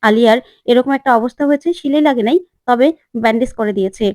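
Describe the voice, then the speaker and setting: A woman's voice: on the high side, fast, darkish tone, no echo, studio quality. A woman retelling a TV serial episode in plain, step-by-step narration. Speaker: storyteller.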